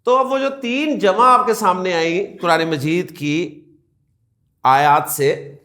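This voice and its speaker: A man's voice: high-pitched, pushed and bright. A man teaching a class, who keeps asking his students questions and repeating the key points. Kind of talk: classroom lecture.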